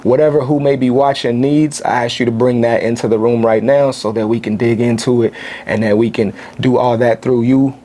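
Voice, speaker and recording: A thirty-six-year-old man from Kansas City speaks as a guest in a relaxed interview. His voice sits at an ordinary pitch for a man, and he talks thoughtfully, pausing often as he finds his words. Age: 30s. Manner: thoughtful, pauses with "uh" and "um". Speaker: podcast guest, actor.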